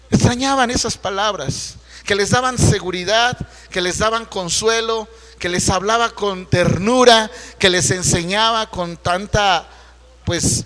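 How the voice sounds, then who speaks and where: A pastor preaches a Sunday sermon in a chatty, storytelling way, tossing rhetorical questions at the congregation. His voice sits high and rings bright. It carries a long reverb from the church hall. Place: church sanctuary.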